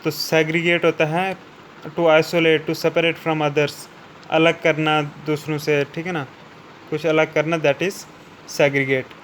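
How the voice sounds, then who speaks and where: A man teaching English vocabulary, explaining each word in Hindi. He keeps checking with "theek hai na" and slows down to read out the English definitions. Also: a little high, little pitch movement, fairly bright tone, a little hiss or hum, low-quality recording. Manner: repeats "ठीक है ना" after each point, slows down for English definitions.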